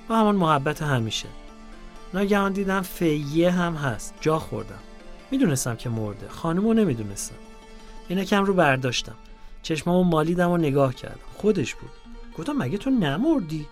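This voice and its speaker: A man reads diary entries aloud in a calm, measured way, his voice sitting a little higher than most men's. Soft music plays faintly underneath his narration.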